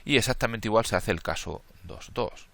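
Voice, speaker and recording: A man's voice: on the low side, moderate pace, creaky, a bit bright, no room sound. A man lecturing through a combinatorics problem step by step, thinking aloud and correcting his own slips in a Spain Spanish accent. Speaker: math lecturer. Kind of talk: worked-problem lecture, counting steps aloud.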